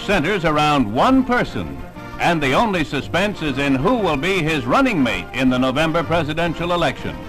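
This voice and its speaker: A man's voice: on the high side, poor audio. A man delivering formal 1960s newsreel narration as the narrator, voiced over the footage. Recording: old newsreel voice-over with loud music behind. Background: music.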